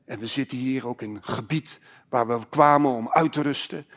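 A man preaching a sermon as pastor, moving between loud exhortation and hushed, quiet passages. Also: medium pitch, moderate pace.

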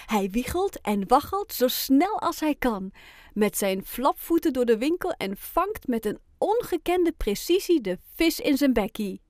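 A woman reading a children's storybook aloud, with gentle, lively storytelling and clear phrasing. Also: high-pitched, unhurried, dry recording, studio quality. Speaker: audiobook reader.

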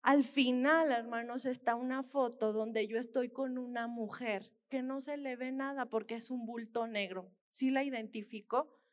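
A woman's voice: on the high side, fairly even intonation, normal speed. A woman, a missionary dentist giving an earnest sermon testimony and often calling her listeners brothers. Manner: earnest storytelling, repeatedly addressing listeners as brothers.

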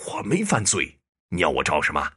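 A corrupt county magistrate, as a male storyteller plays him, hedging his answers with evasive hesitation. His deep, gravelly voice leaps around in pitch as he dodges and blusters. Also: big pitch swings, moderate pace, full character voice. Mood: defiant. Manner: evasive, hesitant, then shouting defiance.

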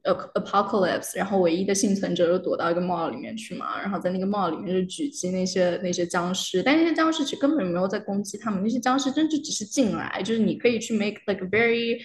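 A woman's voice: medium pitch, fast talker, hardly any pauses. Young woman, academic guest, casual chat, mixes two languages, lots of fillers, roomy echo. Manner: switches between Chinese and English mid-sentence with many fillers. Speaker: guest, doctoral candidate. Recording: roomy with faint noise.

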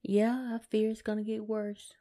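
A woman co-hosts a podcast, talking in a plain, casual way and often repeating short phrases. Her voice sits on the high side, with a warm, level tone at a normal speed.

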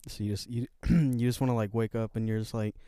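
A man's voice: on the low side, steady tone, a little fast, warm tone, clean tone, dry recording. A man co-hosting a podcast, throwing in dry wisecracks during casual chat. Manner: dry wisecracks, joking asides. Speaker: podcast co-host.

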